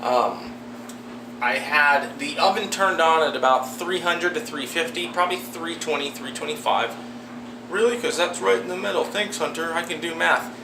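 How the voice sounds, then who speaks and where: A laid-back American man talks candidly through his home cooking. His voice sits a little high and comes from a distance in a roomy, echoing kitchen, with clear background noise. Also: moderate pace. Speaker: amateur cooking vlogger. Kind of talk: casual chat, talking through cooking to camera. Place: small home kitchen, indoors. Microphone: camera a step or two away. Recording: roomy, distant camera mic, noisy hum.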